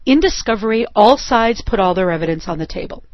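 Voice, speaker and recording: Woman professor, lively storyteller lecturing a class, flat dry lo-fi recording. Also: mid-range voice, fairly quick, dry recording. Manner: animated storyteller, often checking in with "okay?". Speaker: professor teaching law. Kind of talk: lecture with a personal anecdote. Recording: dull lo-fi recording.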